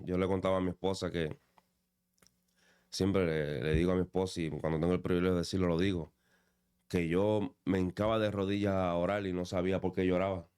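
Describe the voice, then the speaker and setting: A man's voice: sits low, a little mellow, clean tone. A man hosting a faith podcast. He interviews his guest, and his emphasis has the exhorting push of a preacher. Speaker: podcast host.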